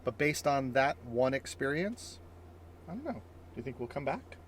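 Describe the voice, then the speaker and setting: A man's voice: medium pitch, big pitch swings, normal speed, a little hiss or hum. A man chatting casually to the camera as a vlogger, upbeat and explanatory, recorded in a car and in a store. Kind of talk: casual vlog chat.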